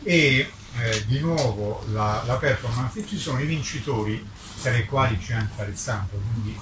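At a live book presentation, a publisher introduces a literary festival in an emphatic, combative style, his medium-pitched voice halting and wandering off on tangents. The far-off microphone picks up echo and clearly noisy surroundings.

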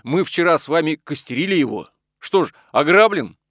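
A man voicing a pious gentleman who speaks solemnly. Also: on the high side, expressive, moderate pace, dry recording, studio quality, voice pushed up. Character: pious middle-aged gentleman, shaken.

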